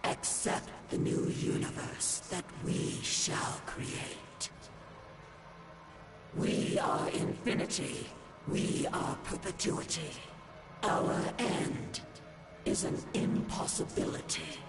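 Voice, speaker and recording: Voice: mid-range voice, very animated, slow, creaky, full character voice. An actor voicing an ominous, collective alien hive mind that speaks coldly and commandingly as "we". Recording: echoey distant voice under loud game music.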